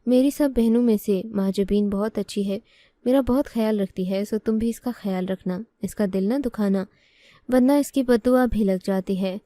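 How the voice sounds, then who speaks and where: A woman voicing a young husband who calmly tells his wife how to treat his sister, in a storybook reading. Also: mid-range voice, moderate pace, dry recording, lightly acted. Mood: instructing.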